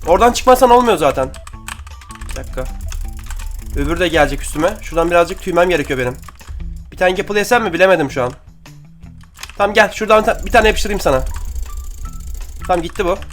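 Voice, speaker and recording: Fast, high-voiced young man commentating gameplay. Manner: excitable, slangy, chatty with viewers. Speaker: gaming YouTuber.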